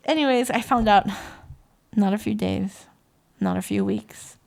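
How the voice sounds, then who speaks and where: A woman co-hosting a podcast, telling a story in casual, animated chat, swearing often and acting out voices when she quotes. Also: medium pitch, a little slow, vocal fry. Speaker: podcast co-host.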